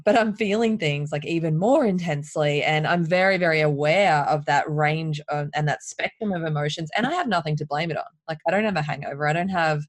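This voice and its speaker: A woman's voice: sits low, no echo. Candid woman talking openly, dry sound. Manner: open, emotional, animated storytelling. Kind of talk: candid casual conversation.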